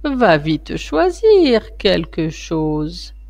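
Storybook ogress, old and scheming, sweet-talking then menacing, slow and swooping, voiced by a woman reader. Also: fairly low pitch, very animated, creaky, a little mellow, no room sound, heavily acted. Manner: wheedling then menacing, drawn-out words.

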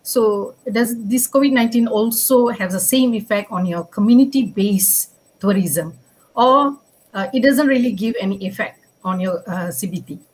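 A woman's voice: mid-range voice, normal speed, a little mellow, low-quality recording. A woman asking a question at an online conference, courteous and hesitant with many fillers. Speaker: audience member asking a question. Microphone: video call webcam.

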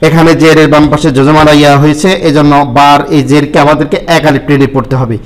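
A man teaching Quran reading, explaining step by step and repeating syllables slowly for the listener. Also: fairly high pitch, level tone, poor audio. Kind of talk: step-by-step lesson with spoken examples.

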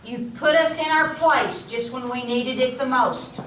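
A woman playing a gentle, grateful relative in an amateur church play. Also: high-pitched, measured pace. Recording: noisy roomy hall, mic far off.

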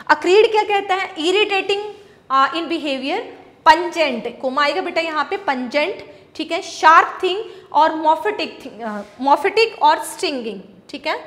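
High-pitched Indian woman teaching vocabulary. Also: fairly bright tone. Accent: Indian English. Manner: explains patiently, asks and answers her own questions, calls students beta. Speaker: English teacher. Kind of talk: classroom vocabulary lesson.

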